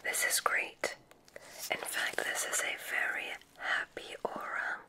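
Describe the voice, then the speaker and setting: Whispering throughout, an ASMR performer takes on the role of a warm-hearted witch examiner, her calm, unhurried words full of quiet approval and gentle reassurance.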